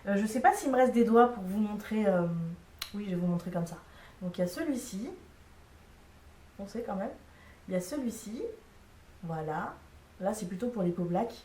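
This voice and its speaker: A woman's voice: mid-range voice, expressive, normal speed, pauses often, warm tone, distant mic, slight background noise. Chatty woman reviewing makeup, echoey room. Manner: chatty, many fillers, frank opinions. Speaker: beauty vlogger. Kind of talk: casual product review. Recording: echoey room, a bit off-mic.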